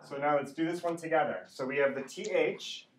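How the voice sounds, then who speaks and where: A man's voice: a little high, fairly quick. A man teaching an English pronunciation class, speaking instructionally, repeating sounds and often checking understanding with a short tag question. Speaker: ESL teacher. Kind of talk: classroom phonics lesson, slow drilling. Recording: echoey room, distant mic, background noise.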